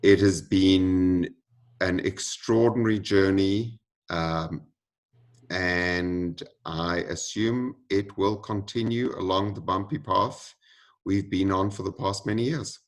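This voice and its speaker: A man giving interview answers in a measured, solemn way. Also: low-pitched, steady tone. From United States. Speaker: interview guest.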